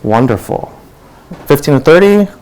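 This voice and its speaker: A man presenting an informal tech lightning talk at a meetup in a rushed, colloquial manner, often checking in with "right?". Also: sing-song, darkish tone, poor audio. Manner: rushed, keeping it high level.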